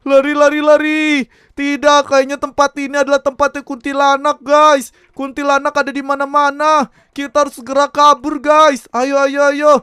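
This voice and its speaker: High-voiced guy panicking through a roblox-style story, bright and close, talks to viewers a lot. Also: moderate pace, no echo. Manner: excitable, keeps addressing viewers as guys. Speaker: game video narrator. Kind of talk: panicky role-play game narration.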